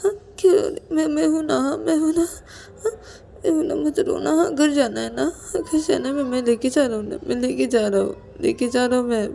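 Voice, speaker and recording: A woman voicing a protective young man who shouts threats and then soothes softly. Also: high-pitched, a little fast, gravelly, a little hiss or hum, pitched above the performer's own voice. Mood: soothing.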